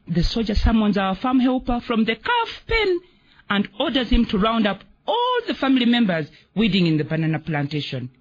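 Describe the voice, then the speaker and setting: A man reading a dramatic story aloud on the radio, acting out the characters with an expressive, husky voice. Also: moderate pace. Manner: expressive, voices the characters with big pitch swings. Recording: muffled radio broadcast.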